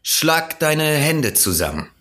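A vain, boastful showoff who lives for applause, his voice pitched up high and his words drawn out in a preening, self-satisfied way, as a man puts him on. It comes from a storybook reading. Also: big pitch swings, slow, sharp tone, heavily acted.

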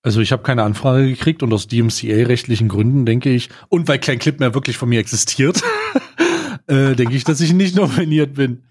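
A man's voice: medium pitch, lively intonation, moderate pace, darkish tone, dry recording. A man co-hosting a casual podcast, with dry, mock-formal ironic remarks. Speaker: podcast co-host. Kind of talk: casual banter.

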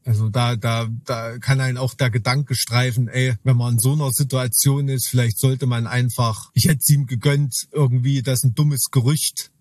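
Husky man, dry close sound, rambling podcast co-host full of restarts. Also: medium pitch, little pitch movement, normal speed, few pauses, a little mellow, no room sound. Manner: rambling, many restarts, tag questions. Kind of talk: casual chat.

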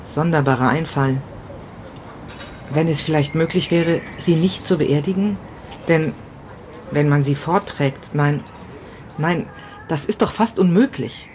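A woman's voice: low voice, a little mellow, slight background noise. A woman reading a tormented grieving widower. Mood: grieving, desperate. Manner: halting, repeating words, swinging between whispers and outbursts. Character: grief-stricken man, widower pawnbroker, tormented and brooding. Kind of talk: literary reading of a first-person novella. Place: city balcony, outdoors.

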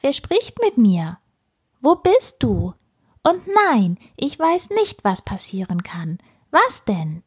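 A woman's voice: medium pitch, wildly swooping pitch, slow pace, a little mellow, breathy edge, full character voice. Woman playing a curious storybook heroine. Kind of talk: storybook narration.

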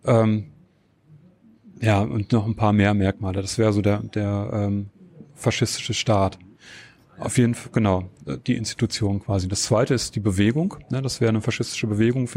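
A man's voice: fairly low pitch, a little mellow. Hesitant man explaining at length. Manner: hesitant, many filler sounds and tag questions. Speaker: interview guest. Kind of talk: explanatory interview answers.

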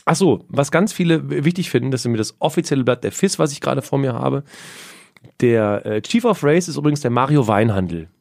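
A man's voice: medium pitch, animated, a little fast, vocal fry, dry recording, clean studio sound. A man co-hosting a casual sports chat, joking and teasing his partner as he runs through race results. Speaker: podcast co-host.

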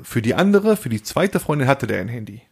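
A man's voice: mid-range voice, a little fast, creaky, slightly rough. A man co-hosting a podcast, telling a story in a casual, slangy way and acting out the people in it. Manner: animated storyteller, acts out phone calls, slangy. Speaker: podcast co-host.

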